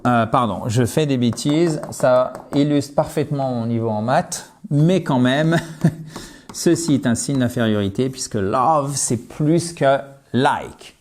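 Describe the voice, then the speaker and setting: A man teaching English in an online lesson, playful with jokey asides and slowly repeated words. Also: medium pitch, darkish tone.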